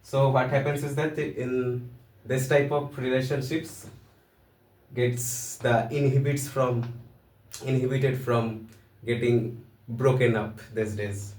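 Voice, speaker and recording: A man's voice: mid-range voice, fairly even intonation, takes it slowly, darkish tone. A man with an Indian accent giving a casual, joking lesson in loose, hesitant phrasing. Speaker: teacher. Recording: roomy echo, voice from a distance.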